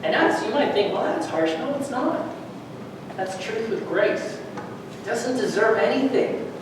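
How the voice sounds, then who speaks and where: Man, high voice, preaching sermon, animated and emphatic, booming church hall, distant mic, low rumble behind. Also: measured pace. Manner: animated, rising to emphatic peaks, rhetorical questions. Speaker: pastor.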